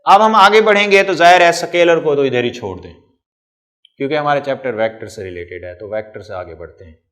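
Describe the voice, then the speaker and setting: A man's voice: mid-range voice, expressive, brisk, fairly bright tone. A middle-aged man teaching a physics class. He asks the class questions, answers them himself, and stretches out key terms. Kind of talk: classroom lecture.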